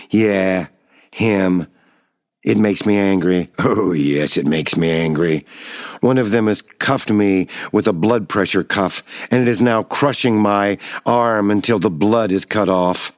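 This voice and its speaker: A man in his seventies giving a dramatic first-person reading of his memoir, blunt and profane, swinging between hushed low tones and raised outbursts. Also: no room sound, clean studio sound. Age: 70s. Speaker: memoir reader.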